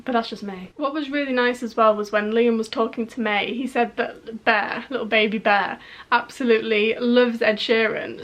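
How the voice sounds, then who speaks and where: A woman's voice: a little high, a bit bright. A woman in her early twenties from the UK, chatting casually to camera as a fan vlogger, gushing, with lots of "like" and restarts.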